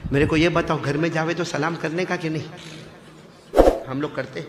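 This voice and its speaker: A man telling an Islamic story as a sermon, moving from hushed narration to shouted, chanted Quranic recitation. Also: fairly high pitch, flat delivery, heavy background noise. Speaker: preacher. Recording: echoey hall with crowd.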